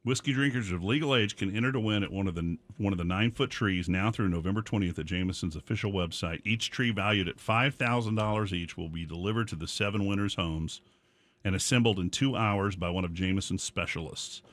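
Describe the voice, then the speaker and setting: A man hosting a radio morning show, chatting casually and telling rambling, animated stories in the studio. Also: low-pitched, fairly quick.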